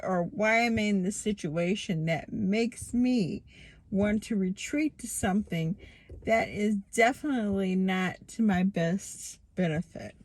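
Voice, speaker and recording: A woman giving a candid, casual personal monologue, rambling and halting, often circling back and repeating herself. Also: medium pitch, rough recording. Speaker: vlogger giving herself a pep talk. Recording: loud traffic and vehicle noise.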